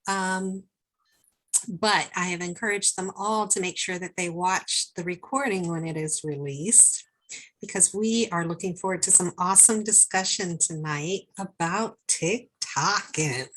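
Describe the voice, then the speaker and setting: A woman's voice: lowish voice, unhurried, a bit bright, poor audio. A woman hosting a networking video call, giving an upbeat, chatty welcome with frequent fillers. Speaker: host, networking group leader. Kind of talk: welcoming meeting introduction.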